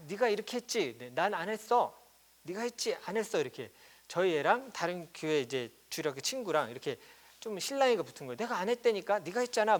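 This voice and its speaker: A middle-aged man preaching a storytelling sermon to his congregation. His voice sits high and moves with a very lively melody. He brings the story to life by briefly voicing the people in it. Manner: animated, acts out children's quarrels in quoted voices. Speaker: pastor. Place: church.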